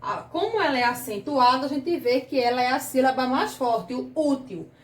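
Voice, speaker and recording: A woman's voice: high voice, moderate pace, roomy sound, recorded from a distance, a little hiss or hum. A woman teaching a grammar lesson to children, patient and questioning, stretching out key words, with a Brazilian Portuguese accent. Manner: patient, asks the class questions, drags out words.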